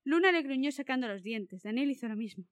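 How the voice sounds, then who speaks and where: A woman's voice: high voice, lively intonation, fairly quick, dry recording, studio quality. A woman narrating an animal storybook aloud, reading expressively.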